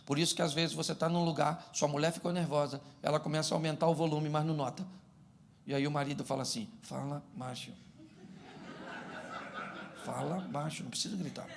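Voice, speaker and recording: A man's voice: on the high side, quick pace, a little hiss or hum. A middle-aged man preaching a humorous sermon as pastor, acting out little scenes of married life. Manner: humorous, animated, acts out domestic scenes.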